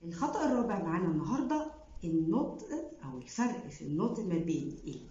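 A woman with an Egyptian Arabic accent teaches French pronunciation, explaining each rule step by step and drawing out example words slowly. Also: fairly low pitch, sing-song, dark tone. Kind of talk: online language lesson. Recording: echoey room, dull lo-fi sound.

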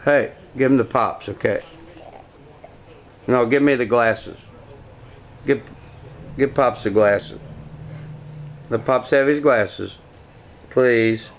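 An older grandfather talking slowly and repetitively to a toddler, coaxing him in a casual home video. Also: medium pitch, slight background noise. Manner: slow, repetitive coaxing talk to a small child.

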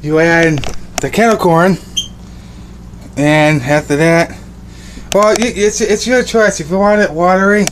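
Slow and given to long pauses, a young man with a high voice vlogs while cooking at home, upbeat and rambling, repeating his words. The phone is held at arm's length in a small kitchen and bedroom, picking up slight background noise.

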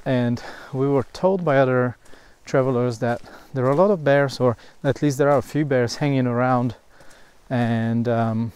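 A man's voice: medium pitch, darkish tone, smooth. A man in his thirties talking casually to a handheld camera while outdoors on a forest trail. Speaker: travel vlogger. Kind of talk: casual spoken vlog chat. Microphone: handheld camera at arm's length.

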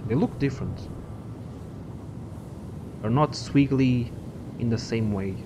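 Slow and medium-pitched, this young gaming host talks over background noise as he narrates his play, his casual commentary meandering, profane and full of thinking out loud.

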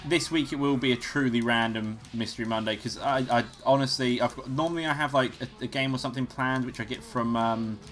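A man's voice: medium pitch, a bit bright. A young man hosting a let's play, giving casual, rambling gameplay commentary and swearing freely. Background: game music.

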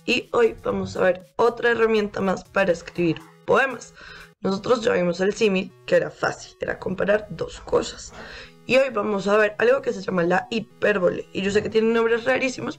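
A woman teacher giving an online class to young children, explaining patiently step by step. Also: mid-range voice. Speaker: primary school teacher.

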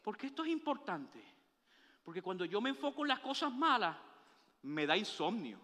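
A man preaching a Sunday sermon, swinging from hushed murmurs to loud bursts and throwing rhetorical questions and humorous asides to the congregation. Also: high-pitched, very animated, normal speed, in a large hall. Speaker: pastor. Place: church sanctuary.

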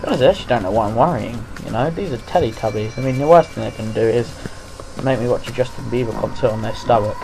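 A man's voice: medium pitch, fast, creaky, music in the background, low-quality recording. A young man hosting his gaming channel, giving jumpy, profanity-filled commentary while playing a horror game. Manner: jumpy, swears constantly, panicky outbursts.

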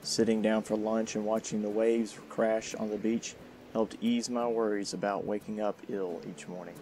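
A man reading a calm, reflective scripted voice-over for his hiking vlog. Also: fairly low pitch, moderate pace. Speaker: hiking vlogger. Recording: voice-over with music behind.

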